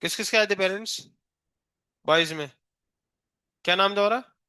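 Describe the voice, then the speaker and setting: A man's voice: high voice, a little slow, sharp tone, smooth, no echo, clean studio sound. A male physics teacher in a live class, teasing and coaxing a shy student to answer, counting aloud to three.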